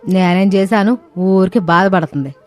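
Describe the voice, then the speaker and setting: A woman voicing a sharp-tongued mother-in-law who scolds and brushes others off in a storybook tale. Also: medium pitch, normal speed, soft background music, close to an everyday voice. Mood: dismissive. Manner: scolding and dismissive.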